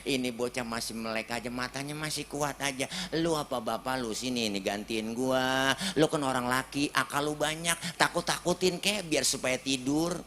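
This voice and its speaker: A man slips into a worn-out mother who nags her household in blunt, slangy street talk. The voice stays close to an everyday register, middle in pitch, and the delivery is plain-spoken. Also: fairly even intonation, moderate pace, sharp tone, slight background noise, close to an everyday voice. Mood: nagging. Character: scolding old Jakarta mother, blunt and weary.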